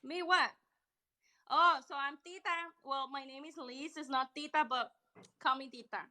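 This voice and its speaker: On a casual live stream, a Puerto Rican professor appearing as a podcast guest chats in a bubbly, teasing way. Her voice sits high, with a steady, sharp tone at normal speed.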